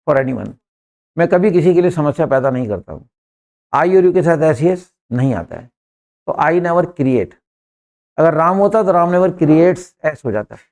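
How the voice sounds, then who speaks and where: A man's voice: a little high, vocal fry, darkish tone. Man teaching English grammar to a class. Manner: repeats words and keeps checking students understand.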